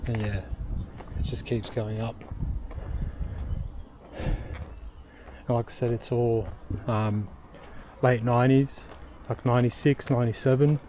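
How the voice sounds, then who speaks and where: A man's voice: medium pitch, level tone, slow, pauses often, dark tone, a little hiss or hum. A young man hiking uphill while filming a casual travel vlog outdoors, short of breath, rambling with many ums and uhs. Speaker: travel vlogger. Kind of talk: casual walking vlog narration. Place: outdoors on a hillside trail. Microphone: handheld camera.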